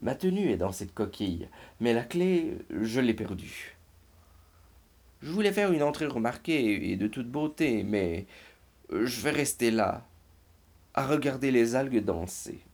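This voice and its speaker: Man doing a downcast storybook mermaid, slow and plaintive. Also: mid-range voice, big pitch swings, a little mellow. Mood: dejected. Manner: plaintive, fretting. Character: fussy mermaid worried about a costume ball.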